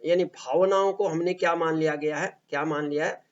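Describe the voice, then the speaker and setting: A man teaching an English grammar lesson, slowly reading out example sentences and repeating his points. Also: on the high side, steady tone. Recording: dull lo-fi recording.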